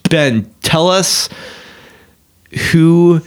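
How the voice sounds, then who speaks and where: A man's voice: fairly high pitch, extremely slow, clean tone. A man co-hosting a podcast, chatting casually and prodding guests with playful questions. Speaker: podcast co-host. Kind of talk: casual chat.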